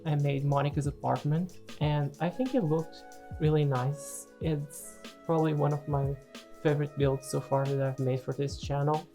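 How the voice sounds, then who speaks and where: A woman's voice: deep voice, fairly even intonation, normal speed, warm tone, soft background music. A woman who speaks English as a second language, giving a casual, unscripted voice-over for a gaming video in a hesitant, self-deprecating way. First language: not English.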